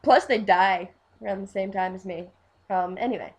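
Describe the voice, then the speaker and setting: A woman's voice: medium pitch, normal speed, a little hiss or hum. Rambling, gushing woman fan chatting. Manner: rambling and gushing, many fillers, swings from quiet to loud. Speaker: fan vlogger. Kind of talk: casual fan chat.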